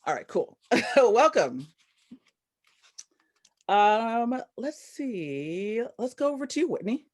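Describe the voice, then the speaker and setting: A woman's voice: on the high side, big pitch swings, slow. Upbeat woman hosting a video call. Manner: upbeat, welcoming, chatty. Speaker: workshop host. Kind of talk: casual video-call workshop.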